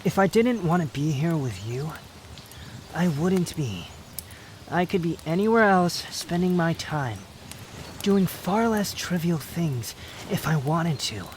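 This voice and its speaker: A man playing a prideful, sharp-tongued puppet wanderer with a secret fondness, speaking to the listener in a roleplay audio drama, haughty and unhurried. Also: fairly high pitch, lively intonation, slight background noise. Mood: wry, confessing.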